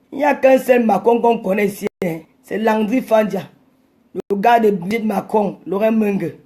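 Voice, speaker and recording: A woman hosting a live stream, ranting and scolding her rivals combatively, sometimes shouting. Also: mid-range voice.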